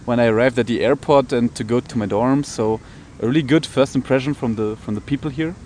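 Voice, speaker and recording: A young man from Germany, giving plain, halting interview answers. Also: medium pitch, darkish tone, slight background noise. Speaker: student.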